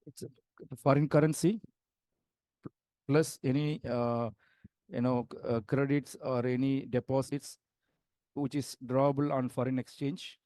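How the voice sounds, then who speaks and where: A man's voice: mid-range voice, steady tone, measured pace, pauses often, darkish tone, dry recording. A male student answering his teacher's questions hesitantly, with many fillers and a polite "sir". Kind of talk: answering in class.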